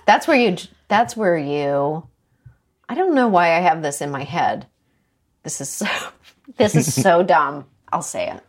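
A woman's voice: low-pitched, sing-song, measured pace. Playful woman acting out guesses. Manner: playful, acts out scenes in bursts of voices. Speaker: quiz guest. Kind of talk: casual chat.

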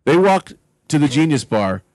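A man's voice: on the high side, sing-song, normal speed, a little mellow, no room sound. Casual man reading a script, close and dry. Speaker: script writer and reader at a comedy table read. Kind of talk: reading narration and banter, casual.

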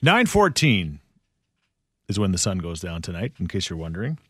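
A man's voice: sits low, big pitch swings, normal speed, a bit bright, breathy edge, no echo. A man hosting a morning radio show in the upbeat manner of a radio contest promo, on a studio microphone.

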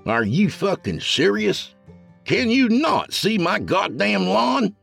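A man's voice: fairly high pitch, huge pitch swings, measured pace, fairly bright tone, faint music behind, voice pushed up, heavily acted. A man voicing a big, crude hillbilly neighbor who drawls and curses. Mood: brash. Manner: drawling, cursing.

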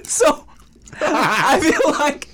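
A man co-hosting a podcast, telling a story in animated casual chat and swearing freely. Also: very high-pitched, very slow. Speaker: podcast co-host.

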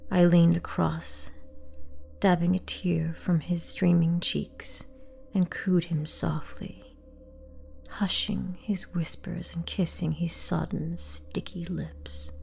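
A woman narrating a first-person horror story in a hushed, breathy whisper. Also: fairly low pitch, level tone, takes it slowly, soft background music.

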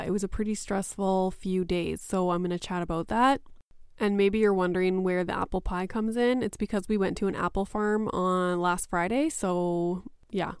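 A woman's voice: on the low side, a little mellow, smooth, dry recording, studio quality. A woman hosting a podcast in a casual, candid, chatty way, her voice a little stuffy and froggy from plugged sinuses after a cold. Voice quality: slightly congested, stuffy-nosed sound from a cold. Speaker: podcast host.

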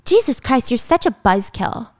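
A woman's voice: on the high side, very animated, moderate pace, dry recording, studio quality. A woman voicing a spoiled rich young party girl who sneers and whines, in a drama recap. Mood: mocking. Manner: whiny, mocking.

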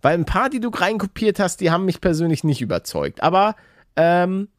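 A man's voice: high voice, lively intonation, fairly quick, no echo, studio quality. A man chatting casually as a podcast co-host, with a bantering, grumbling, colloquial manner. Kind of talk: casual chat.

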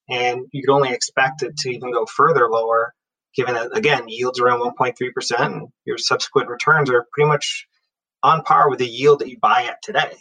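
Bright, forceful man explaining as an expert guest. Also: medium pitch, low-quality recording. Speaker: investment research head, interview guest. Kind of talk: explanatory interview talk.

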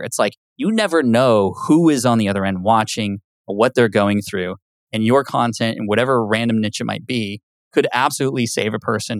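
As a guest on a podcast, a man talks casually, explaining things earnestly and patiently with many fillers. His voice sits on the low side with vocal fry, and there's no room sound.

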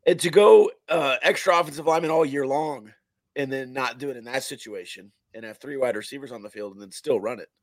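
A man hosting a casual football talk show, his voice hoarse, raspy and strained. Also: mid-range voice, a little fast, no room sound. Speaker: sports show host.

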